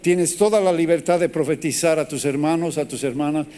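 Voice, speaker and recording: A man preaching a sermon as pastor, animated and acting out quotes as he teaches. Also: on the high side, a little fast, a little hiss or hum.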